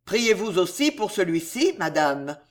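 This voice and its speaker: An audiobook reader voicing a hired killer with a harsh, rough voice. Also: medium pitch, sing-song, a little slow.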